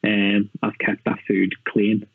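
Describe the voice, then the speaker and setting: A man's voice: on the low side, completely flat delivery, takes it slowly, creaky, breathy edge, no echo. A chatty man on a tinny line. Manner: chatty, self-mocking, lots of fillers. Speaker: podcast guest, personal training client. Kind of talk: casual chat. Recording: tinny phone-like line, dry.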